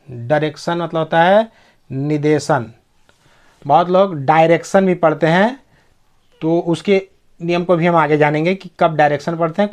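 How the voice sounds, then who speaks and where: A man giving a pronunciation lesson, spelling words out letter by letter, repeating each word and checking that his listeners follow. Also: fairly high pitch. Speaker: English pronunciation teacher.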